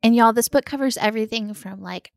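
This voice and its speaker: Woman host, upbeat casual interviewer, a touch high, gravelly, dry close sound. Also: brisk, dry recording. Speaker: podcast host.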